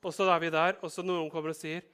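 A male pastor giving a sermon in a lively, conversational way with touches of humor. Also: on the high side, clean tone.

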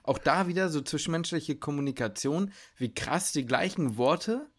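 A man's voice: fairly high pitch, animated, moderate pace. A young man, a medical student co-hosting a casual podcast, talking loosely with lots of fillers. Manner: loose, rambling with many fillers. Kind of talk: casual chat.

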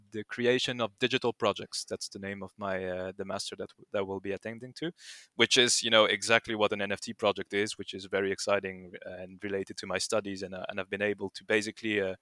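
A man's voice: lowish voice, pushed and bright, smooth, dry recording, clean studio sound. A young man in his twenties with a French accent, a guest in a casual podcast interview who rambles with many fillers and restarts. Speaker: guest, project founder.

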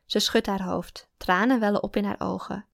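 A woman narrates a first-person story in a calm, even way. Her mid-pitched voice has a gravelly, creaky texture, and the recording is dry, with almost no room sound. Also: normal speed, no echo.

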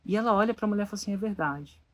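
A speaker, telling a story casually to an audience in an animated way and asking the listeners rhetorical questions. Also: mid-range voice, very fast.

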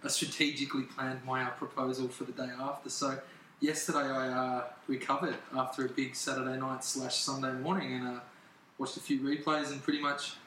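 A man's voice: mid-range voice, flat delivery, brisk, sharp tone. A man, a podcast co-host, chatting casually through a computer microphone. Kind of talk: casual chat. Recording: distant echoey computer mic, faint noise.

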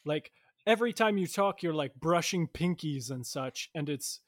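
A man's voice: fairly high pitch, lively intonation, moderate pace, no room sound, clean studio sound. Flustered, exasperated man in an improv scene. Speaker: improv performer.

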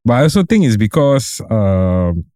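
A man's voice: fairly low pitch, big pitch swings, moderate pace, mellow, clean tone, no room sound. Singaporean man, dry podcast remarks. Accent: Singaporean English. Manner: short affirmations, dry remarks. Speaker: podcast co-host. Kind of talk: casual chat.

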